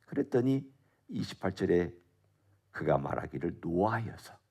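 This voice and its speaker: Low gravelly-voiced male pastor preaching. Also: sing-song, measured pace, mellow. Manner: conversational preaching with rhetorical questions. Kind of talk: expository Bible sermon at a dawn prayer service.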